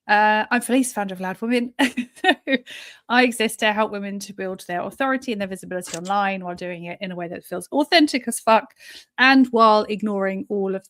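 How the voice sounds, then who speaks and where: A woman's voice: mid-range voice, a bit bright, no room sound, clean studio sound. A woman hosting a live podcast in casual chat, talking frankly and swearing freely, laughing often. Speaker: podcast host and founder.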